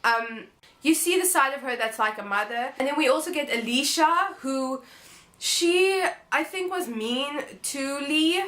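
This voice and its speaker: Casual female book vlogger, high bright voice, nasal and stuffed up with a cold. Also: unhurried. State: congested, blocked nose from a cold. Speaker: book review channel host. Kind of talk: casual vlog book review.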